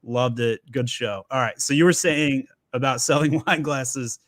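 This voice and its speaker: A man's voice: medium pitch, measured pace, a bit bright, dry recording. Upbeat joking male host, dry sound. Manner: upbeat, joking, chatty asides. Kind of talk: live Q&A interview.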